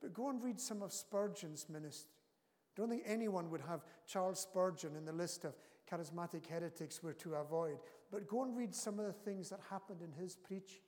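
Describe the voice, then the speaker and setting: A man's voice: high-pitched, brisk, darkish tone. A man preaching a sermon as pastor of his church, earnest and emphatic, his intensity rising and falling. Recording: long reverb of a church hall.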